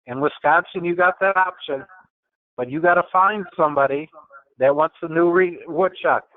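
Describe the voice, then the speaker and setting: A man's voice: on the high side, normal speed. A man presenting on wildlife control and answering questions in a plain, folksy, matter-of-fact way, his voice heavy with reverb. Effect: heavy reverb, echoey sound. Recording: reverberant, tinny phone-like audio.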